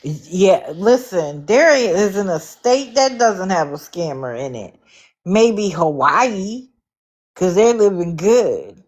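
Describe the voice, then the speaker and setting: Woman from Connecticut, livestream host, sarcastic, animated, mid-pitched voice. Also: takes it slowly. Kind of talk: casual livestream commentary.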